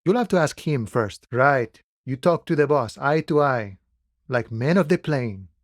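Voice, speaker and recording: In a very dry, echo-free recording, a man voices a video game's easygoing union dockworker at mid pitch. He speaks with unhurried familiarity, wry and philosophical, warm without pressing. It's expressive but only lightly acted, and the mood is relaxed and wry.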